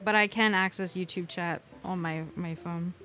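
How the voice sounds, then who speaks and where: A woman's voice: lowish voice, fairly even intonation, moderate pace, bright, forceful tone. A woman co-hosting a video game stream, chatting casually and expressively with slangy asides. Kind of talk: casual chat.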